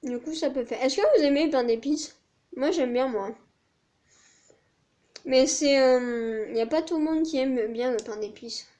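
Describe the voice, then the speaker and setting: A woman's voice: high-pitched, a little slow, warm tone. A young woman with a southern French accent chatting casually to her vlog audience, rambling and poking fun at herself. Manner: chatty, rambling, self-mocking with frequent laughs. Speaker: vlogger.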